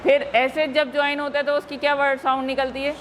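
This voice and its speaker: A woman from Pakistan leading a teacher-training workshop, slowly modelling words and quizzing the class. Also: sits high, flat delivery, noisy background.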